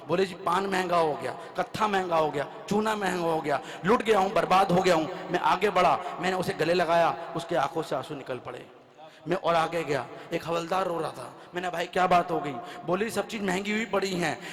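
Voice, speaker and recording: On stage at a poetry gathering, a man performs comic storytelling, acting out dialogue with rhythmic repetition in a high-pitched, fairly bright voice. The recording carries reverberant live PA sound.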